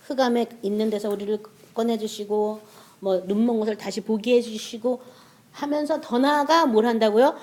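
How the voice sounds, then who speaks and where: A woman's voice: on the high side, darkish tone. A middle-aged woman preaching a sermon, telling stories with rhetorical questions and bursts of laughter.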